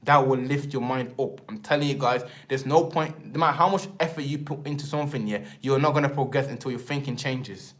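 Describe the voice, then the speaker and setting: A man's voice: medium pitch, brisk, few pauses. A young Englishman with an English accent hosting a casual live stream, rambling in slang and tagging his sentences with filler words. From England. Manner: rambling, slangy, repeats filler tags like "man" and "and that".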